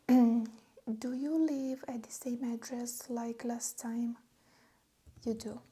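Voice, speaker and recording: Woman, soft whispery ASMR exam voice, slow and mellow, faint hiss behind. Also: fairly high pitch. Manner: slow, gentle and reassuring. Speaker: ASMR roleplay nurse. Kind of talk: ASMR medical exam roleplay.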